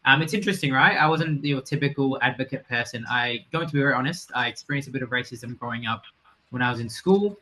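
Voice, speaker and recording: Bright, fast-talking young man. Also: medium pitch, poor audio. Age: young adult. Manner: enthusiastic, earnest. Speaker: panellist, youth advocate. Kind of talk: casual panel talk. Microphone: online video call.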